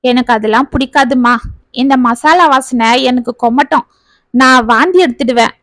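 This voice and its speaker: A woman voicing a frail, meek elderly mother-in-law who speaks softly and pleadingly in a storybook tale. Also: high voice, expressive, normal speed, dry recording. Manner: soft, pleading, gentle.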